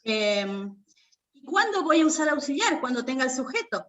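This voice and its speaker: Woman teacher, high voice, unhurried, sounds far from the mic. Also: sing-song, fairly bright tone. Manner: patient, repeats checks like "¿sí?" and "¿está?". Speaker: English teacher. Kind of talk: online class explanation.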